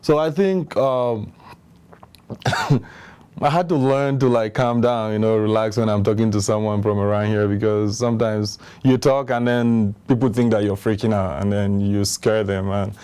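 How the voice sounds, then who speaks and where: A young man with a Nigerian accent, an international student chatting in an interview, relaxed and full of "you know". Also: lowish voice, moderate pace, clean tone. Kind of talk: interview testimony.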